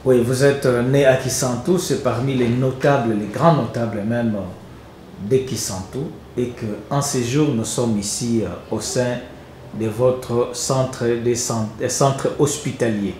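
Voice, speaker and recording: Man, mellow dark voice, polite halting interviewer, echoey room. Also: mid-range voice, fairly even intonation, slight background noise. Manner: polite, halting with many "euh" fillers. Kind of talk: interview questions.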